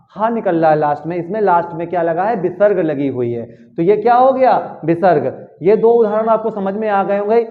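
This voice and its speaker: High-voiced man teaching, tinny phone-like sound. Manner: repeats words, asks and answers his own questions; addresses viewers as children. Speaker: Hindi teacher. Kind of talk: classroom-style grammar lesson.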